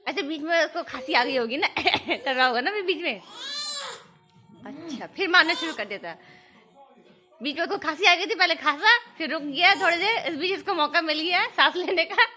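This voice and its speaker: A woman chatting playfully with a child, often laughing and exclaiming as she retells the tale. Her voice sits very high and sounds sharp and bright. A little music plays quietly behind. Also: lively intonation, moderate pace. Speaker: family vlogger.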